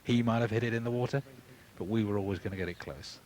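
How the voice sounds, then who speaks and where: Male golf commentator, lowish voice, measured and conversational live calls, clear background noise from the broadcast. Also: darkish tone.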